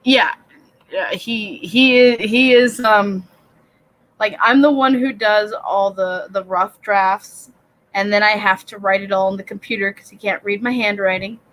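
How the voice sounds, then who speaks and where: Late at night, a woman hosts a writing livestream from her home computer, reading out the chat in a rambling, self-deprecating way. She speaks low and soft, said to sound soothing, with fairly even intonation and a slightly slow pace. The casual chat is captured on a computer webcam mic, so the recording quality is low.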